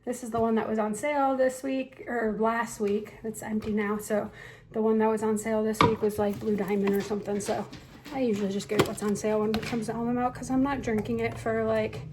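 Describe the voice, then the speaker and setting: Upbeat lady vlogging on her phone, bit stuffy from allergies, slightly high voice, faint noise behind. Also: level tone, fairly quick. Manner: chatty, upbeat, with fillers. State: congested from allergies. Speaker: vlogger, triathlete. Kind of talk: casual vlog chat. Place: outdoors on a run, then a kitchen.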